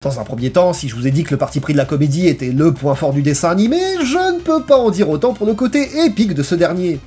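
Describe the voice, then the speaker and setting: This husky, mid-range narrator talks fast through a scripted video essay. The delivery is expressive, emphatic and colloquial, with music playing underneath.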